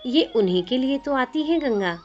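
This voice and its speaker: A woman voicing chatty, impatient village girls who gossip in a lively way, in a narrated devotional story. The recording sounds slightly dull. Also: high-pitched, normal speed, faint music behind, voice pushed up.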